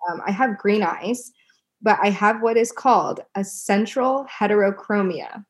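A young woman talking as a guest on a podcast, chatty and animated, laughing often. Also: medium pitch, a little slow. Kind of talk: casual chat.

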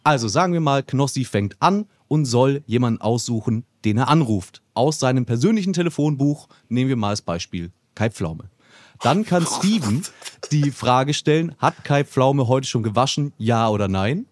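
A man at an ordinary middle pitch, hosting a game show and laying out the rules in a steady, explanatory way. His voice is recorded close and dry, with no room sound around it. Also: normal speed, no room sound.

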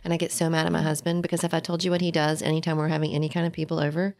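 A woman in her forties, co-hosting a casual chat and telling stories in an animated way. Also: low-pitched, rapid-fire. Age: 40s. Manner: animated storyteller. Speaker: podcast co-host.

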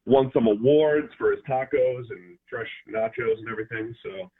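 A man calling in as a guest football analyst, talking in a relaxed way with many fillers. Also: mid-range voice, moderate pace, husky. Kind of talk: phone-in interview. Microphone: phone. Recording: tinny phone line.

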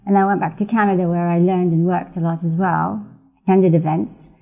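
A woman's voice: on the low side, a little fast, vocal fry, low-quality recording. A woman from Iraq, a guest on a podcast, telling her life story animatedly and acting out past conversations. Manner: animated storytelling, acts out dialogue. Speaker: guest, events founder. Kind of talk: podcast interview.

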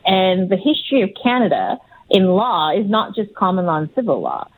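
A woman's voice: mid-range voice, sing-song, normal speed, a little hiss or hum, low-quality recording. A woman legal director answering interview questions earnestly, often restarting phrases and searching for words.

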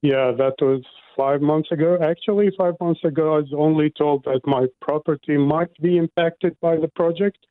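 A man's voice: on the high side, no room sound. Earnest man on a tinny phone line. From Iraq. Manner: earnest, indignant, measured. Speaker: guest, resident. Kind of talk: radio phone interview.

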